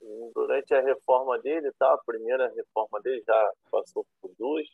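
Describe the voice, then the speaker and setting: A man in his thirties with a Rio de Janeiro accent chats in loose, slangy Brazilian Portuguese. His voice is creaky and rough, and it comes through a narrow, phone-like connection as he rambles through casual stories. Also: mid-range voice, normal speed. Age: 30s. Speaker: guest, classic car owner. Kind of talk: casual storytelling chat. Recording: roomy, thin phone-like internet call.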